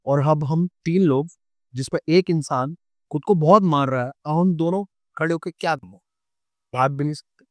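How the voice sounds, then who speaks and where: A young man with a Delhi Hindi accent telling a true ghost story on a podcast, animated and acting out the scenes. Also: on the high side, normal speed, no room sound. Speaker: podcast guest.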